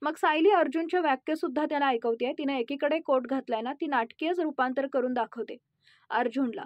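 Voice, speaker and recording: A woman's voice: high-pitched, a little fast, no echo, highs cut off. A woman with a Marathi accent retelling a TV serial episode and addressing the viewers. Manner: retells scenes and reads character lines aloud. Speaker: TV serial recap host.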